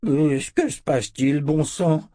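A man voicing a cranky, hungry old male wizard in a slow, raised, quavering voice. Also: fairly high pitch, expressive, warm tone, dry recording, studio quality, pitched above the performer's own voice. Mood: grumbling.

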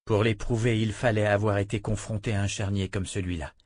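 A man's voice: lowish voice, fairly even intonation, brisk, a little mellow, no echo, clean studio sound. Man reading a story aloud. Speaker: audiobook narrator. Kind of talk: scripted narration.

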